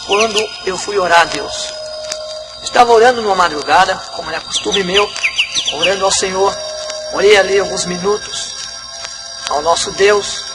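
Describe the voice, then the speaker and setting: Pastor with high voice. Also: male voice, rough recording. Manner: repetitive, dramatic retelling. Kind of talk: religious testimony. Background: music.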